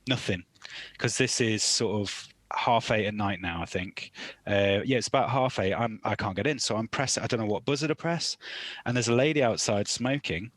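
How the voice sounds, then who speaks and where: A man in his thirties with an English accent, telling a lively story on a casual podcast and acting out the lines he quotes. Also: fairly low pitch, moderate pace, no echo. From England. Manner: animated storyteller, acts out quoted lines loudly. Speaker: podcast co-host, new father.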